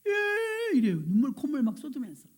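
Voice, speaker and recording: A middle-aged woman pastor telling a lively story in a sermon, acting out the people she quotes. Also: medium pitch, moderate pace, husky. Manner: lively anecdotal storytelling, acts out quoted voices.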